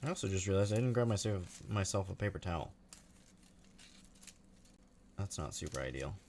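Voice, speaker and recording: Deep-voiced laid-back male game streamer. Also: lively intonation, normal speed, darkish tone, a little hiss or hum. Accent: American. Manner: chatty, laid-back, talks while eating. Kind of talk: casual livestream commentary while gaming.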